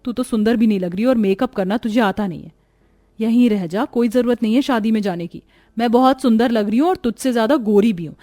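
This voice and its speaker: Snooty spoiled young sister, woman doing the voice, bossy and sneering, a bit high. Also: fairly quick, warm tone, close to an everyday voice. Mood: arrogant. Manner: scornful, bossy, mixing in English phrases. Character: vain spoiled young woman, proud of fair skin. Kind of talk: storybook voice acting.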